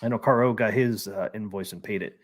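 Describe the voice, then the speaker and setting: Fairly low-pitched and fairly quick, this man runs a relaxed live stream. He chats in an easygoing way and reads viewer comments aloud.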